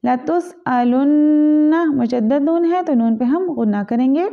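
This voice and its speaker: A woman teaching Quran recitation, chanting each word slowly and then explaining the rules quickly in a lower voice. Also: expressive, vocal fry. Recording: tinny phone-like audio.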